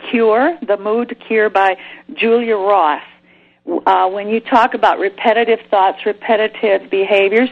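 A woman, a guest expert on a radio call-in show, explains treatment over a clipped phone line, pausing often with ums and restarts. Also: medium pitch.

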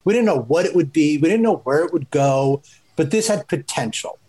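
A man, a journalist, speaking thoughtfully on a panel discussion, often pausing with asides. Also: a little high, expressive, warm tone, breathy edge, low-quality recording. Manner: reflective, hedging with asides. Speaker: journalist guest.

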